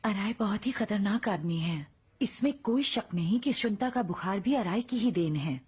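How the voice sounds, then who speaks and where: A woman's voice: mid-range voice, animated, normal speed, darkish tone, breathy edge. A woman voicing a confident stage actress in an anime film dub, with a composed, assured way of telling her story.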